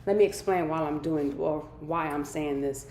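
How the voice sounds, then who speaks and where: A woman's voice: normal speed, warm tone. A woman hosting a live stream in casual, upbeat chat, a little nasal and congested, repeating her catchphrases. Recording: echoey room, faint rumble.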